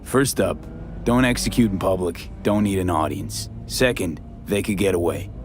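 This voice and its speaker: An actor playing a gruff, skeptical hired gun in a video game, cool-headed and blunt, speaking in terse clipped sentences. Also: male voice, low-pitched, expressive, moderate pace, over music.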